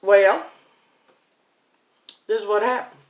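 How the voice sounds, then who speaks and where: This is a speaker giving a casual devotional talk, unhurried and folksy, often breaking into a chuckle. The pace is slow and drawn out. The recording is roomy and echoey. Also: medium pitch, fairly even intonation. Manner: folksy, chuckling, talks straight to viewers. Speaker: online inspirational speaker. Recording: roomy echo.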